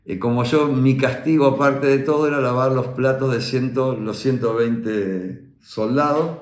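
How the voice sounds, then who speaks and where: A man in his sixties with an Argentine accent, a war veteran telling his son his memories in a reflective, unhurried way with hesitant fillers. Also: mid-range voice. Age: 60s. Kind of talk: personal reminiscence. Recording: roomy echo.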